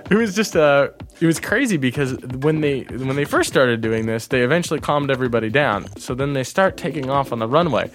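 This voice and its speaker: Rambling man telling a travel story. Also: medium pitch. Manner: rambling, self-interrupting, laughs at own story. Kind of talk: casual storytelling conversation.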